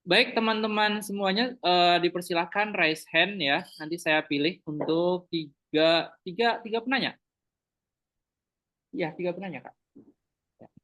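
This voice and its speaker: A man's voice: high-pitched, measured pace, pushed and bright. A man moderating an online question session, polite and formal as he invites questions. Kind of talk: hosting an online Q&A.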